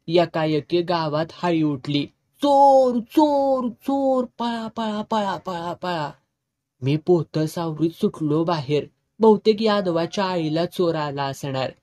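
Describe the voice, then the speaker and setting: A man gives a dramatic reading of a serialized novel, telling it in the first person and acting out the dialogue. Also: on the high side. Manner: lively first-person storytelling in rural dialect, acting out the dialogue. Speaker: storyteller.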